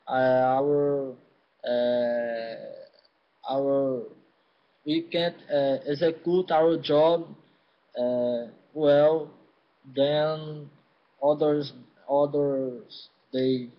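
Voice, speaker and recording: Male non-native English learner, slow and halting, muffled lo-fi audio. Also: fairly high pitch. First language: not English. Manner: halting, searching for words. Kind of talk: spoken classroom answer.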